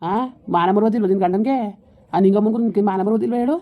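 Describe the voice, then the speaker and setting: A woman's voice: medium pitch, natural voice. Woman playing an indignant daughter. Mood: furious. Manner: indignant, scolding, rapid-fire rhetorical questions. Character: fed-up grown daughter furious at her family. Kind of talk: village family comedy skit. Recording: tinny phone-like audio.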